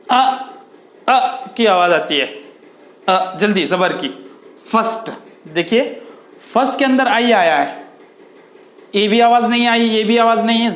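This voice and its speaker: A man, teaching English vowel sounds in a slow lesson and repeating each word with "okay" and "friends". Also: high-pitched, fairly bright tone, roomy sound. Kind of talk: spoken phonics lesson.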